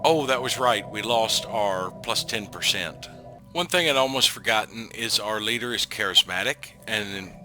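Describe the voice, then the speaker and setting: A man giving casual gameplay commentary as a let's play host, thinking aloud and trailing off into frequent ums. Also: medium pitch. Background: game music.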